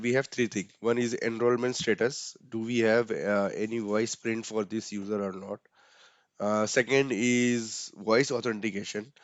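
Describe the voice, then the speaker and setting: An instructor with an Indian accent walks through software settings step by step in a casual manner. He uses lots of fillers and often ends his points with "right?" His mid-range voice is recorded without echo, though the highs are cut off.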